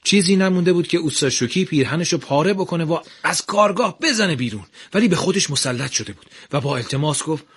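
A man narrating a scripted radio story in an even, measured way. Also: fairly high pitch, husky.

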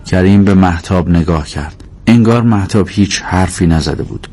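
Low-voiced male audiobook narrator. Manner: measured, even storytelling. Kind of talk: audiobook reading.

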